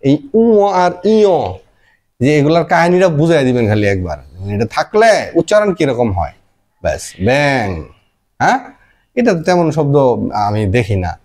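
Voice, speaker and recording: A man's voice: a little high, big pitch swings, normal speed, pauses often, a little mellow. A man giving a casual lesson, spelling out letters one at a time and explaining pronunciation to parents. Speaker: teacher.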